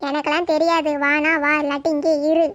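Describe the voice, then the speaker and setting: Woman doing a short-tempered cartoon mom, sharp retorts, scolding, high-pitched. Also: flat delivery, brisk. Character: scolding middle-aged mother, short-tempered. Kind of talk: cartoon voice acting. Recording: dull lo-fi sound.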